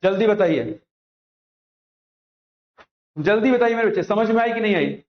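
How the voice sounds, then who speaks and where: A man teaches an electronics class in a high voice, going over each point several times. He keeps asking questions and then answering them himself, and he calls his students "my child." The sound is roomy and slightly dull, like a lo-fi classroom recording. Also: animated, moderate pace. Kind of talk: online classroom lecture. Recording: echoey, dull lo-fi room recording.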